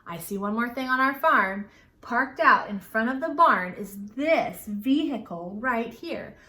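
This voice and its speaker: A woman with a slightly high voice hosts storytime for children, teaching and questioning in simple, encouraging language. Her delivery is exaggerated and lively, with sing-song moments, and the sound is roomy and echoey.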